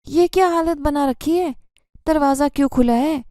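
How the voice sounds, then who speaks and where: A woman voicing a harsh, cruel middle-aged stepmother who scolds and shouts. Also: on the high side, dry recording, clean studio sound, lightly acted. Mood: angry.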